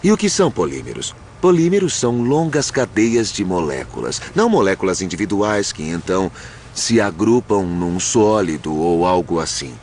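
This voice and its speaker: A low, animated Brazilian scientist. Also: male voice, slight background noise. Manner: asks and answers own questions. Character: male scientist explaining chemistry with enthusiasm. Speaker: dubbed expert interviewee. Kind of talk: conversational explanation, documentary interview dub.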